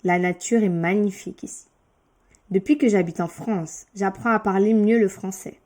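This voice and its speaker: A woman with a mellow, warm voice reads a short beginner text for language learners. She takes each word carefully and articulates it clearly, stopping now and then for a quick explanation, like a teacher guiding a class. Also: mid-range voice. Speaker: French teacher. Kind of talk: reading a beginner lesson text aloud, with asides.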